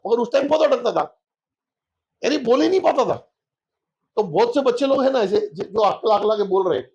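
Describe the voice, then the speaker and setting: Speaking as a spiritual guest in a relaxed interview, this man tells folksy, homely stories and voices the characters he quotes. His voice is very high with a somewhat dark tone, and the recording is muffled.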